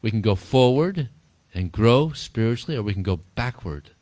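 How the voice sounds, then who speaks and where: A man giving a relaxed spiritual talk to a small group, chuckling often and repeating words as he answers questions. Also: mid-range voice, moderate pace, no room sound. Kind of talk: informal talk and Q&A.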